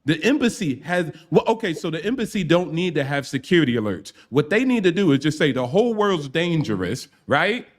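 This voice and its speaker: A man's voice: on the high side, very animated, brisk, hardly any pauses. A male host of a live talk show arguing his point emphatically and repeating himself to drive it home. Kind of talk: argumentative live-show discussion.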